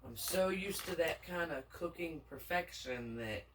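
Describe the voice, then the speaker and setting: A woman's voice: low voice, animated, unhurried, a bit bright, far from the mic, rough recording. Chatty Southern woman, a bit off-mic. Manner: chatty and folksy, laughs often. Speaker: vlogger, mukbang co-host. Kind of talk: casual chat while eating.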